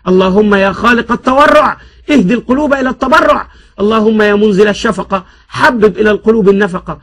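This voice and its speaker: A man's voice: high-pitched, quick pace, fairly bright tone. A man voicing a tearful male preacher collecting donations on a bus, sermonizing in solemn rhymed prose. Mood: pleading.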